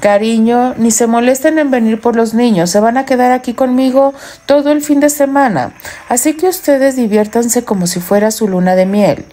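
A woman's voice: on the high side, normal speed, lightly acted. A woman voicing a motherly middle-aged grandmother who cares for the children. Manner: warm, motherly.

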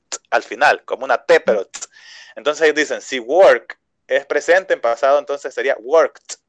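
A man's voice: mid-range voice, no room sound. A man with a Salvadoran Spanish accent, an English school owner, patiently explaining his teaching method in an interview, with many fillers and restarts.

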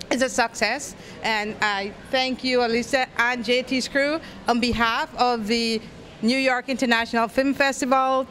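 A woman's voice: on the high side, fairly bright tone, a little hiss or hum. Chatty middle-aged woman from Guyana. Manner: chatty and effusive, rambling with restarts. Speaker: interviewee, festival volunteer. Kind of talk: red-carpet interview. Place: indoor event in front of a step-and-repeat banner. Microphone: handheld.

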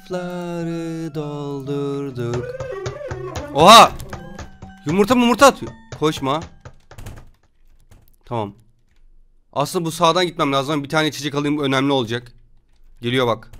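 A man giving loud, jokey commentary while playing a video game. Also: a little high, animated, normal speed, long pauses, soft background music. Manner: loud, jokey, yelping reactions. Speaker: gamer streamer. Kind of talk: excited gameplay commentary.

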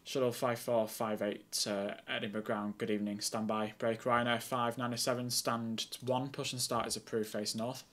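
Young guy on stream doing atc, chatty n excited then calm on the radio. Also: mid-range voice, moderate pace, few pauses, a little hiss or hum. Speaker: air traffic controller streamer. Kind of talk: casual streaming chat and radio calls.

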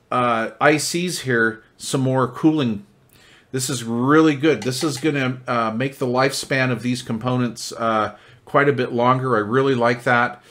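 An American man, working as a radio reviewer, gives a casual hands-on product review. His voice is medium in pitch and a bit bright, and his manner is folksy, conversational, and enthusiastic.

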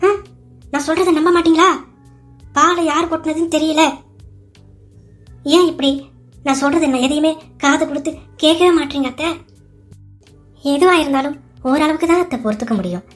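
Cartoon part: pleading, whiny young daughter-in-law, high voice, soft music under, a woman voicing her. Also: moderate pace, pauses often, natural voice. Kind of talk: cartoon voice acting.

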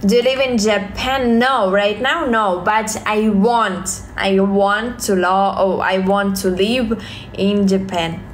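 A young woman from Russia with a Russian accent, livestreaming from her phone at home, reading viewer questions and answering in slow, halting English full of fillers and repeated thanks. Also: mid-range voice, fairly even intonation, slight background noise. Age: young adult. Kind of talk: live stream chat reading viewer comments. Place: home, indoors, small room. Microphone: phone at arm's length.

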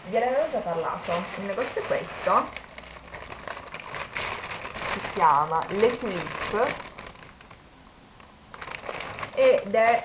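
A woman's voice: lowish voice, noisy background. A young woman, chatting casually to her viewers and telling stories in which she quotes people. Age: 20s. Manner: chatty storytelling, quoting people. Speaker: vlogger. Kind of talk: casual chat.

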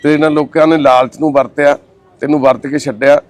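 A man speaking in a gentle, reassuring, fatherly tone as a social service volunteer. He talks plainly and informally, moving between comforting words and a steady explanation to the camera. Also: a little high, a little fast. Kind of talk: consoling talk and on-camera explanation.

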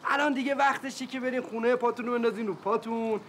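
A man's voice: very high voice, a little hiss or hum. A man playing a young son who teases his father playfully. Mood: teasing. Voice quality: teasing, playful. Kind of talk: TV sitcom acting.

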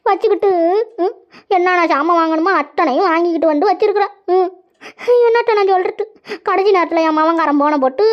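A woman plays a long-suffering old village granny in a cartoon, pouring out drawn-out complaints in a very high, squeaky voice. The sound is dull and lo-fi. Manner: lamenting, sing-song scolding with drawn-out complaints. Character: grumbling old village grandmother, self-pitying, long-suffering. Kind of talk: cartoon voice acting. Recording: dull lo-fi recording.

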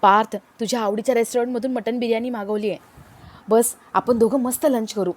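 A friendly young coworker chatters on breezily and eagerly, with a woman reading her part. The voice sits a little high. It is told as a storybook tale. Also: steady tone, fairly quick, a little mellow, natural voice. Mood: chatty.

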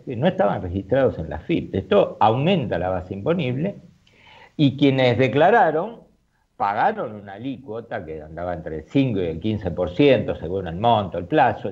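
Lively Argentine man, economic commentary. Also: medium pitch, dull audio. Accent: Argentine Spanish. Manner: critical, frequent fillers and restarts.

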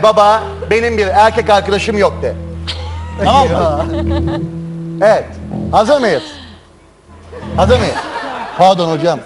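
A man hosting a live show with informal, teasing banter, joking with the participants. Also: high-pitched. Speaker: show host. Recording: live show, music and crowd behind. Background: music and a lively crowd.

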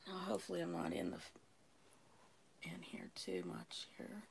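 Indoors in her home art studio, an older woman gives a live painting lesson, thinking aloud in a slow, calm, unhurried way as she works. Her gravelly bass voice drops to a whisper, and she keeps losing it and clearing her throat.

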